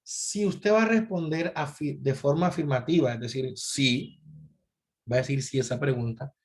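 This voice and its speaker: A man's voice: mid-range voice, normal speed. A man teaching an English grammar lesson, explaining patiently and repeating the key points for his students.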